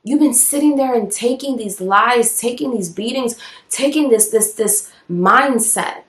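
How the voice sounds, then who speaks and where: A woman preaching with emphatic, repeated declarations, her voice sitting somewhat high. The sound is echoey, as if in a bare room. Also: unhurried, a bit bright. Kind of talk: devotional preaching.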